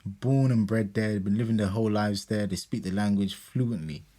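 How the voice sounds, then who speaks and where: A man's voice: lowish voice, normal speed, mellow. A young man co-hosting a podcast, challenging and teasing in a casual debate. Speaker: podcast co-host.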